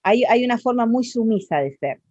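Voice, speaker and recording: A woman's voice: fairly high pitch, lively intonation, fairly quick, a little mellow, dry recording, muffled recording. An Argentine woman with an Argentine Spanish accent, talking expressively in a casual interview, with many fillers and restarts.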